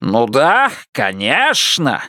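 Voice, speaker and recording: A man's voice: fairly high pitch, very animated, unhurried, no room sound, pitched above the performer's own voice. A snarling, bullying middle-aged husband, put on by a male reader, his voice pushed well up and swinging wildly as he barks orders. The sound is dry and close, with no room around it. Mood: menacing. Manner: shouting, snarling, contemptuous.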